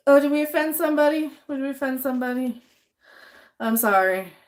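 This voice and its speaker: Cooking on her livestream, this young adult host chats casually in a voice slightly above average pitch, expressive and a bit quick. She swears freely, talks bluntly, rambles with plenty of restarts, and answers viewers after reading their chat names aloud. A mild sniffle comes through.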